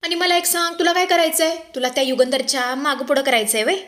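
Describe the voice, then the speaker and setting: A woman's voice: fairly high pitch, a little fast, fairly bright tone, natural voice. A woman doing a sneering jealous sister-in-law. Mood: taunting. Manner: scolding, mocking. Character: sharp-tongued jealous young woman, taunting.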